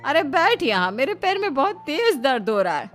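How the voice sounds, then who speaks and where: A woman's voice: sits high, very animated, moderate pace, faint music behind. A woman voicing a bossy middle-aged village mother-in-law in a cartoon story, with a commanding, scolding manner.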